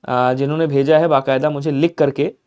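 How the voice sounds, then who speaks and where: A man's voice: medium pitch, fairly even intonation, fairly quick, a little mellow, clean tone. A man teaching a live online exam prep class on Hindi grammar, explaining answers in an emphatic way, repeating key points and checking in with his students.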